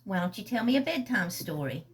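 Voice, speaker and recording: A woman's voice: medium pitch, sing-song, brisk, natural voice. A woman reading a buoyant, teasing young woman. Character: playful, tipsy young woman on the phone. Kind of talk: reading a novel aloud.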